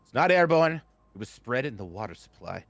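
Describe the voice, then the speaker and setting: A man reads a clipped, commanding officer in a casual script read-through on a home streaming mic. The voice leaps wildly in pitch from line to line. The sound is dry and close. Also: big pitch swings, fairly quick, creaky, no echo. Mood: explaining. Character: stern male commanding officer.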